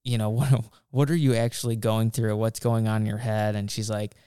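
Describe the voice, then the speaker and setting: A man's voice: lowish voice, level tone, moderate pace, dark tone, smooth, dry recording, studio quality. A man in his thirties co-hosting a casual podcast chat, laid-back and rambling with restarts. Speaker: podcast co-host, father-to-be.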